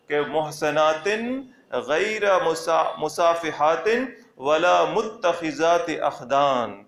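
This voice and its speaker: A man with a fairly high voice gives a religious lesson, reciting a scripture line and then unpacking it with emphatic, repeated phrases. His voice rings in a noticeably echoey room. He sounds like a teacher walking listeners through a text. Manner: explains verse by verse, reciting Arabic lines then rephrasing them. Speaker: Quran teacher.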